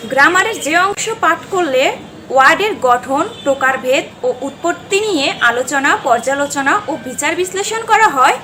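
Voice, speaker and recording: A woman's voice: high voice, noisy background. A woman teaching an online grammar lesson, methodically defining each term and then giving examples. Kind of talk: structured lesson explanation.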